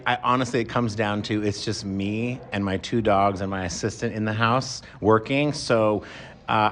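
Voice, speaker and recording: A man's voice: lowish voice, a little hiss or hum. A man being interviewed about returning to the restaurant business, answering in a rambling, friendly way. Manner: rambling, friendly, self-correcting. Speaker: guest, restaurateur.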